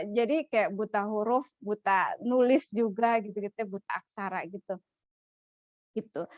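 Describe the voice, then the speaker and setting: A woman's voice: a little high, no echo, highs cut off. A woman casually retelling a religious story, chatty, with many fillers and frequent laughs.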